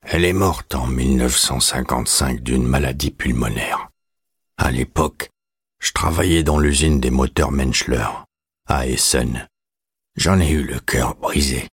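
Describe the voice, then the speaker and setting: A cold, menacing old man from an audiobook, voiced by the male narrator, with a very deep, husky voice. He speaks in slow, measured threats. The recording is dry and close. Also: no echo, heavily acted. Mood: grieving. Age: older. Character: bitter old former officer, menacing and guarded.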